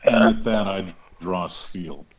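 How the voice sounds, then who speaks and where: A man's voice: low-pitched, takes it slowly, noisy background. A man playing a tabletop game, describing his character's actions.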